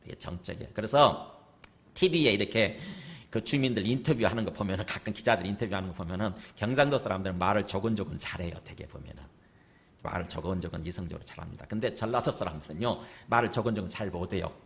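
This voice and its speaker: A male pastor from South Korea preaches a sermon in a conversational style, frequently putting rhetorical questions to the congregation. His voice is low, creaky, and fairly bright, and he talks fast.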